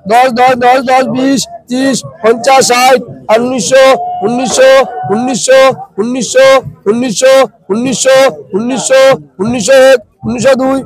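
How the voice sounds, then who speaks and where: A man's voice: very high voice, steady tone, unhurried, rough recording. A man with a Sylheti accent working as an auctioneer, chanting rising prices in rhythmic, repeated numbers. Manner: repetitive, rhythmic calling out of bids. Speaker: fish market auctioneer. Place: fish wholesale market.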